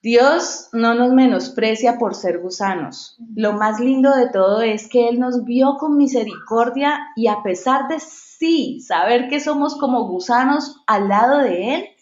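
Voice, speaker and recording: A woman's voice: a little high, unhurried, hardly any pauses, darkish tone. Woman, devotional Bible teacher, conversational storyteller; echoey, muffled recording. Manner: conversational, tells personal stories. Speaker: women's Bible study leader. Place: at home.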